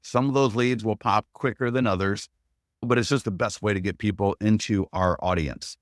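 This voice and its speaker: A man with a fairly low voice teaching an online webinar, upbeat and practical as he lays out each step like a checklist. The sound is dry and close, with no room around it. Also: normal speed, no echo. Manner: upbeat, repeats steps as a checklist. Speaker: webinar presenter. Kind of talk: instructional webinar.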